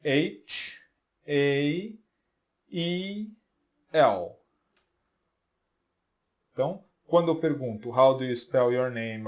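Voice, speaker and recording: A man's voice: mid-range voice, darkish tone. A Brazilian man teaching an English lesson, patiently drilling letters one at a time and checking in with the viewer often. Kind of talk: video lesson for beginners.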